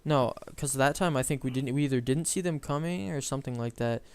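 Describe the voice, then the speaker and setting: A man's voice: medium pitch, brisk, smooth. A young man casually telling a story on a chat show, rambling with lots of fillers and self-corrections.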